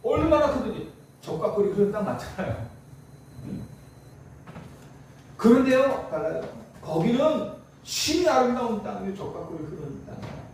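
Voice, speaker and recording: A male pastor with a high, slightly mellow voice preaches a sermon in a church sanctuary, very animated and at normal speed with frequent pauses. His style is emphatic and conversational, full of rhetorical questions. The recording is echoey, from a distant mic, with faint noise.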